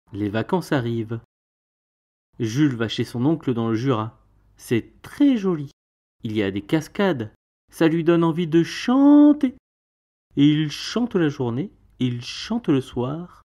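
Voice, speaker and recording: In an expressive storyteller's style, a man with a voice in the middle range reads a picture book for children out loud.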